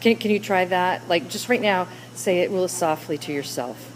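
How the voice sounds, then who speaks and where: A woman's voice: lowish voice, moderate pace, poor audio. A woman teacher leading a classroom discussion with children, coaxing them with question after question.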